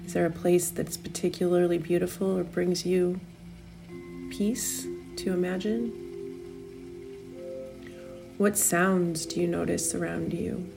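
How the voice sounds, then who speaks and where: Leading a meditation, a woman speaks in a fairly low voice that creaks heavily at the edges. Her pace is very slow and soothing, with long pauses between gentle instructions. The delivery stays flat, and music plays in the background.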